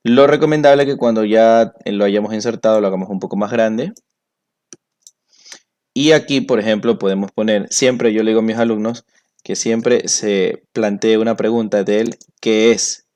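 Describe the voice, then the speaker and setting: A man's voice: on the low side, steady tone, normal speed, darkish tone. A man teaching a computer class, explaining each step patiently. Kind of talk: screen-recorded software tutorial.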